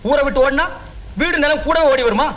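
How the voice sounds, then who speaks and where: A blustering fake swami. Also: male voice, very high voice, a little fast, fairly bright tone, dull audio. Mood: scheming. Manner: scolding, then wailing in panic. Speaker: fake holy man in a film comedy.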